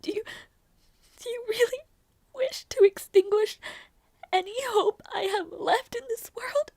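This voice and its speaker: Grieving loyal young princess for audio roleplay, played by a woman: slow, halting, intense, close dry sound. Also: very high-pitched, darkish tone, no echo, exaggerated voice. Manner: halting, repeating words, emotionally intense. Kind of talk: dramatic audio roleplay acting.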